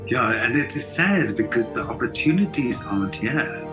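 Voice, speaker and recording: Over music and in a rough recording, a very animated man with a medium-pitched voice speaks at normal speed. He's an actor and theatre designer from Johannesburg, South Africa, appearing as an interview guest by video call from indoors at home, telling personal stories emphatically and repeating words for emphasis.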